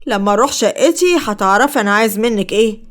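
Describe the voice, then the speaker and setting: A woman's voice: mid-range voice, expressive, quick pace, fairly bright tone, natural voice. A woman with an Egyptian Arabic accent voicing a scheming, controlling young man. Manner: controlling, sly.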